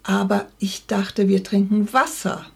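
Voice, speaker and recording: A woman's voice: mid-range voice, steady tone, unhurried, vocal fry, darkish tone, slightly rough, exaggerated voice. A woman reading aloud as a stubborn middle-aged husband set in his habits, in a plain, slightly pleading tone.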